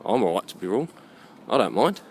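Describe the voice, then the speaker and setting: A British vlogger with a fairly low voice speaks briskly and very animatedly, rambling through an opinionated monologue. He's emphatic, fond of rhetorical questions and checks that the listener is following. A little hiss or hum can be heard.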